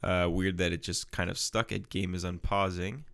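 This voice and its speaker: A man's voice: sits low, steady tone, moderate pace, gravelly, a bit bright. A man with a stuffy nose giving casual, rambling live commentary on a video game match. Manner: rambling, chatty asides.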